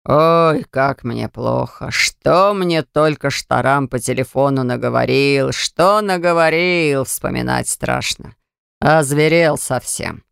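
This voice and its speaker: A reader voicing an indignant elderly father who speaks in slow, low, grumbling outbursts, in an audiobook. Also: gravelly, a bit bright, clear, resonant tone, dry recording, studio quality. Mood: self-pitying. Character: indignant elderly father, hot-tempered and dramatic. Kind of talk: audiobook character voice.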